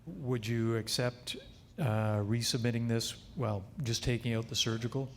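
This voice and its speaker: Male chair, mid pitch, brisk procedural delivery at a podium mic, faint hiss. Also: fairly even intonation, gravelly. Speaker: assembly chair. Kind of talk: chairing a meeting.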